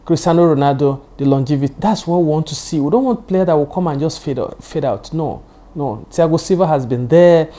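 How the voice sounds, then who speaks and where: A Yoruba-speaking man hosts his own show, offering chatty, digressive solo football analysis as a pundit. He repeats points for emphasis and leans on "you know," his voice on the high side, brisk and mellow.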